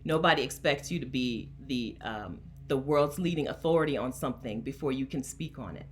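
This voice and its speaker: On her relaxed livestream, a Delaware coach banters with her chat, emphatic and quick to laugh. Her voice rumbles low, and she talks a little fast.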